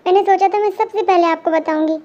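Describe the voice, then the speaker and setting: A woman's voice: very high-pitched, fairly even intonation, fast, lo-fi sound. A woman voicing an angry, pregnant young wife who scolds her husband in an amateur fan dub. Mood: scolding. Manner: sharp, sulky scolding.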